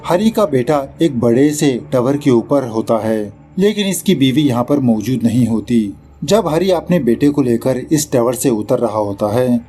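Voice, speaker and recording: With slight background noise, a man's warm, mid-range voice delivers an easygoing movie explanation. Along the way he drops in English words and pokes fun at the film's director.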